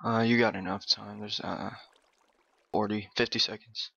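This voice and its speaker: A man's voice: fairly low pitch, little pitch movement, normal speed, creaky, bright, forceful tone, slightly rough, no room sound, highs cut off. A man tossing off dry, offhand quips in voice chat during a game. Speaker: gamer in voice chat. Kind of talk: casual gaming chat.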